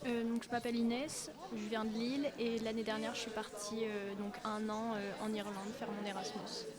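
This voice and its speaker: A young woman, a student, answering as a radio panel guest, soft and hesitant. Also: fairly high pitch, flat delivery, moderate pace. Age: young adult. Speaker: student, programme ambassador. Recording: crowd noise at a public event.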